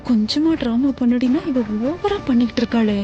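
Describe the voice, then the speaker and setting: A sly onlooker, played by an actress mutters sarcastic asides in a high, light voice. Serial music hums underneath. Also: female voice, lively intonation, brisk, highs cut off, close to an everyday voice. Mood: sardonic. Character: sly woman mocking the drama aside. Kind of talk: TV serial acting. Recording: music score behind dialogue.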